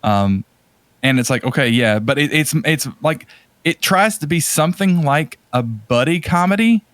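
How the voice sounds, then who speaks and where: A podcast co-host chats casually about movies, his fairly high voice animated and a bit bright at a normal pace on a dry recording. He gives strong opinions with exasperated emphasis, often repeating words for stress.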